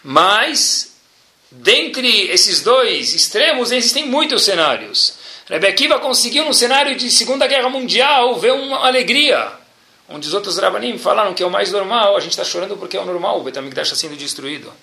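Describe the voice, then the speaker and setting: A man, teaching a religious lesson to a group as an animated storyteller who acts out the dialogue. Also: high voice, normal speed, gravelly. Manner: animated storyteller, acting out the rabbis' dialogue, with Hebrew terms mixed in. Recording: echoey room.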